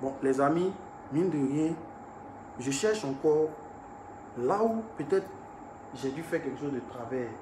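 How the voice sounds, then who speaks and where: Young man, storytelling, fairly high voice, echoey room, faint background noise. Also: unhurried, pauses often. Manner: animated retelling, swings from hushed to raised. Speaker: artist recounting an incident. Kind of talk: storytelling to viewers.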